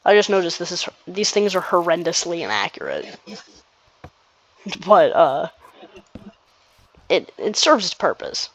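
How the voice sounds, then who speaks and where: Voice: medium pitch, very animated, measured pace, long pauses, fairly bright tone, poor audio. A gamer giving casual gameplay commentary, rambling and restarting sentences with nervous laughs.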